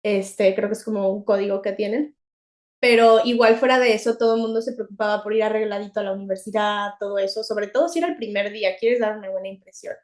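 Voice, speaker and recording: A young woman with a Mexican accent, co-hosting a podcast in a chatty, animated way and laughing often. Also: medium pitch, quick pace. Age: young adult. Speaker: podcast co-host. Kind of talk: casual chat.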